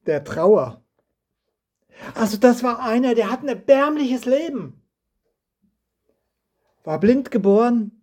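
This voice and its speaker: Slow, mellow-voiced preacher giving a sermon. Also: medium pitch. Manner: slow, reflective, asks the listeners questions. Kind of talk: sermon with scripture reading. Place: indoors in a house.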